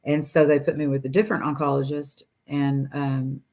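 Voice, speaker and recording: A woman in her forties tells her story as a guest over a video call from a room at home. She talks in a casual, animated way, acting out her doctors' lines and laughing between phrases. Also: deep voice, moderate pace. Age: 40s.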